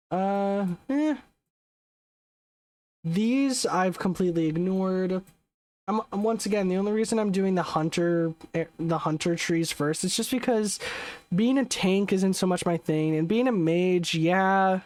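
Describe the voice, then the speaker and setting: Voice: mid-range voice, darkish tone. A young adult game streamer chatting casually during a live session, rambling, correcting themselves often and swearing offhandedly. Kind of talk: casual live gameplay commentary.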